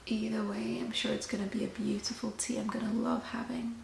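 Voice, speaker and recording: A woman host chatting in a soft-spoken ASMR style, explaining things gently and without hurry, with drawn-out pauses. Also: a little high, level tone, gravelly. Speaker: host of a tea meditation channel. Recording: roomy echo, faint background noise.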